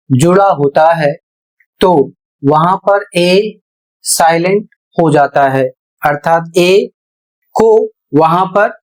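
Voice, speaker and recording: A man's voice: a little high, low-quality recording. A man teaching English pronunciation at a board in a classroom-style lesson. He spells words out letter by letter and poses questions that he answers himself.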